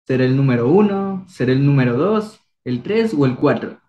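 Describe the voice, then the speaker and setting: A man's voice: mid-range voice, animated, normal speed, mellow, dull audio. A young man from Ecuador teaching a language class, coaxing students with encouraging quiz questions. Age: young adult. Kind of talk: online class, quizzing students.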